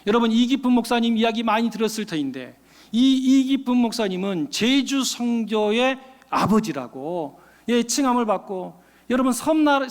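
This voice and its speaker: A man's voice: extremely high pitch, in a large hall. A male pastor preaching a storytelling sermon, asking the congregation questions and answering them himself. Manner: storytelling sermon, acting out quoted voices. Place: church sanctuary.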